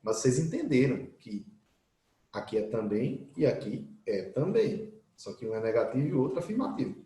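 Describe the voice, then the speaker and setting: A man's voice: mid-range voice, moderate pace. A man teaching an English grammar class online, acting out his students' questions as he explains. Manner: lively, voices imagined student questions. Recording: echoey room.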